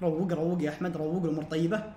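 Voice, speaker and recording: A man commentating his own football video game play, swinging from muttering to shouting and laughing. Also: fairly high pitch, fairly even intonation, very fast, a little hiss or hum. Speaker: gaming streamer. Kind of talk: casual gameplay commentary. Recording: roomy sound with loud game music.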